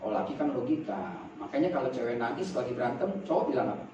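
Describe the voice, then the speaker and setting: A man's voice: mid-range voice, fast, a little mellow, a little hiss or hum. A male pastor preaching a sermon in a jokey manner, slipping into slang and acting out quotes. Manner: jokey, switching into Jakarta slang and acted quotes. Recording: very echoey hall, distant mic, dull sound.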